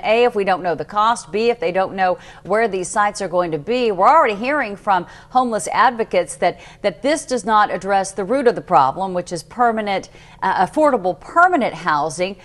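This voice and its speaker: Woman news anchor in her 30s, mid-pitched, crisp and direct questioning. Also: animated, fairly quick. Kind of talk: TV news interview.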